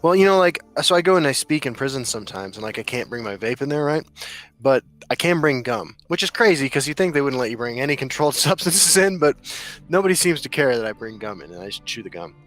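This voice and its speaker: A man's voice: mid-range voice, expressive, quick pace, a bit bright, faint music behind. A man co-hosting a gaming podcast in loose casual chat, laughing often and swearing freely. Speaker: podcast co-host.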